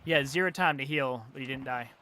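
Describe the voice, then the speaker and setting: A young man streaming a game, ranting in frustration and swearing, with loud outbursts. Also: mid-range voice, fast, a little hiss or hum. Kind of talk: live game stream commentary.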